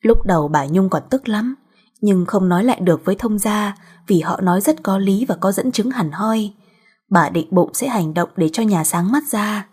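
A woman narrating a family drama story in a steady, expressive reading voice. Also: mid-range voice, normal speed, slightly rough.

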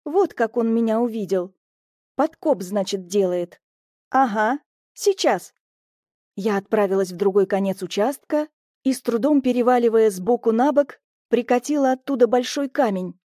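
A woman narrating a first-person audiobook in a lively, mocking manner. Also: fairly high pitch, moderate pace, dry recording, studio quality.

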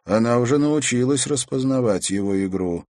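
A man narrating a novel as an audiobook in a measured storytelling manner. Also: medium pitch, darkish tone, no room sound, clean studio sound. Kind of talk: scripted narration.

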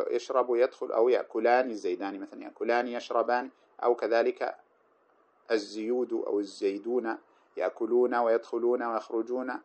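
A man teaching grammar, reciting lines of verse slowly and then explaining them with many short examples. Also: mid-range voice. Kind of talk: explaining a grammar poem line by line. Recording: dull lo-fi recording.

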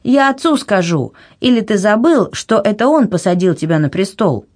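A woman voicing a proud, hot-tempered young princess who shouts indignantly. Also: sing-song, moderate pace. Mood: furious. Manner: shrill, indignant outbursts.

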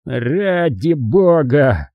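A man voicing a despairing, guilt-ridden man who speaks slowly and heavily in an audiobook. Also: on the high side, sing-song, no echo, muffled recording, voice pushed up, heavily acted. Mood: hopeless. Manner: slow, heavy, hopeless. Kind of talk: audiobook character voice.

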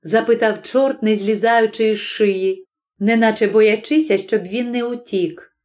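A woman narrating a classic story in an audiobook with an expressive, lively reading. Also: on the high side, unhurried.

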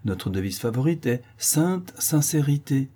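A man voicing a gracious, gently persuasive young woman, softly coaxing, in an audiobook reading. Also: medium pitch, very animated, unhurried, husky, pitched above the performer's own voice.

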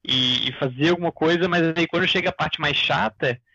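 A man's voice: fairly high pitch, brisk, vocal fry, pushed and bright, no room sound. A man co-hosting a casual chat about writing, loose and rambling with many fillers. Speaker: podcast co-host. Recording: dull, lo-fi dry sound.

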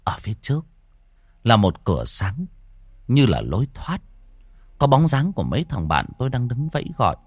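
A man narrating a first-person horror story in an expressive, dramatic way. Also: mid-range voice, moderate pace, pauses often, breathy edge, no room sound, studio quality.

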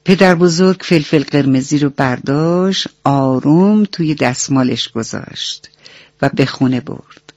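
A woman's voice: low voice, warm tone, dry recording. A woman storyteller narrating a bedtime story for children on radio, tender and addressing them as her dear ones. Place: radio studio. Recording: dull dry radio studio recording.

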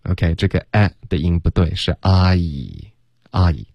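Deep-voiced man coaching pronunciation. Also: animated, vocal fry, dry recording, dull audio. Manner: patient, corrective, repeats sounds slowly to model them; mixes English words into explanations.

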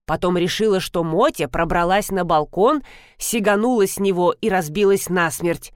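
A woman's voice: on the low side, moderate pace, no room sound, clean studio sound, close to an everyday voice. Woman doing a chatty gossiping woman. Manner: chatty, matter-of-fact storytelling. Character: chatty woman telling a family story.

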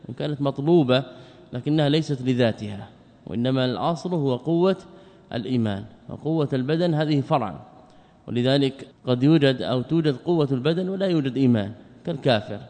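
A man's voice: mid-range voice, expressive, quick pace, a little mellow. A man explaining a religious text line by line in a classroom lesson. He repeats phrases and asks rhetorical questions. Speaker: Islamic scholar teaching a text. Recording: long reverb of a lecture hall.

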